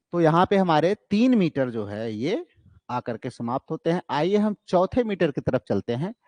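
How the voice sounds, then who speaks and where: An Indian man leads an online exam-prep lecture, his voice sitting a little high for a man. He poses questions and answers them himself, chanting patterns aloud as he goes. The recording is close and dry, with no room sound. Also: darkish tone, dry recording. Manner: explains step by step, asks and answers his own questions. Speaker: literature teacher.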